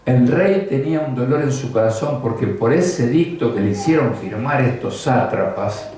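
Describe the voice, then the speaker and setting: A man's voice: mid-range voice, expressive, moderate pace, mellow. A man preaching a sermon as pastor, conversational and often asking rhetorical questions. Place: church hall. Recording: very echoey church, voice from far off.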